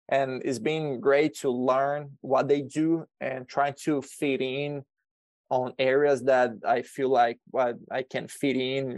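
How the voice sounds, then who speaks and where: A man's voice: medium pitch, darkish tone, no room sound. Brazilian man, 30s, podcast guest, hesitant restarts, dry sound. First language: Portuguese. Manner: halting, many restarts and repeated words. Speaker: extension educator guest. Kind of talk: podcast interview.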